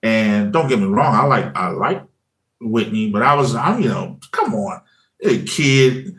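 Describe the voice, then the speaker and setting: A man's voice: medium pitch, unhurried. Chatty man in his forties. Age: 40s. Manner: loose and chatty, full of "you know what I mean" fillers; acts out his own past words in lively quoted asides. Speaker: former high school teacher and music channel creator. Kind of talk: casual conversational storytelling.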